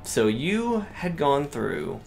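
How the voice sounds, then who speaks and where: A man chatting casually while playing a video game, rambling and excitable, with frequent restarts. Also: medium pitch, slow pace, vocal fry, faint music behind. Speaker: let's play co-host. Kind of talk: casual gameplay chat.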